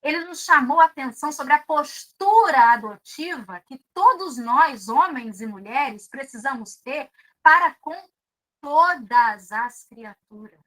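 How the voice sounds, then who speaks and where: A woman's voice: high-pitched, animated, unhurried, a bit bright, rough recording. A middle-aged woman with a Brazilian Portuguese accent giving a devotional talk at a spiritist seminar, intimate and pleading, speaking straight to her listeners. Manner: intimate, pleading, addresses audience directly.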